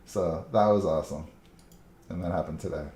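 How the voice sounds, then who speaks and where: Deep, mellow-voiced chatty man, echoey room. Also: fairly quick. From Buffalo, New York. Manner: chatty, rambling storyteller with frequent fillers. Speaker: channel host. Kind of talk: casual chat to camera. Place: Southern California.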